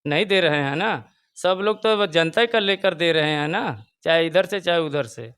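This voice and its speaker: A man with a Bhojpuri-tinged Hindi accent speaks earnestly in an interview, his voice slightly high and notably clear and resonant. He circles back to his main points and presses them harder as he goes. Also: moderate pace, fairly bright tone. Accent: Bhojpuri-tinged Hindi of eastern Uttar Pradesh. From Chandauli, Uttar Pradesh. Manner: earnest, repeats his points, rises in emphasis. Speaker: local party booth president, interviewee. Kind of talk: casual political opinion interview.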